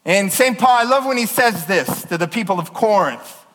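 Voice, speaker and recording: A man preaching with fervent, emphatic force, his fairly high voice rising and falling in wide swings. His words ring out with a long reverb that fills a large church. He pushes hard on key words, nearly yelling. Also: expressive, moderate pace. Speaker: pastor. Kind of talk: sermon.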